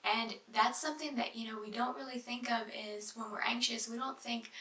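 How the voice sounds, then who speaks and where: A young woman giving a casual devotional Bible study, talking earnestly with lots of fillers and dropping into soft, whispery asides. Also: a little high, fairly even intonation, a little fast. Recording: echoey room, mic at a distance.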